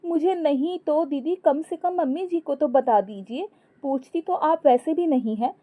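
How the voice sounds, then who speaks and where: A woman's voice: high-pitched, measured pace, narrow, tinny audio, voice pushed up. Woman voicing a sly young daughter-in-law. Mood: needling. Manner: sweet-voiced, needling.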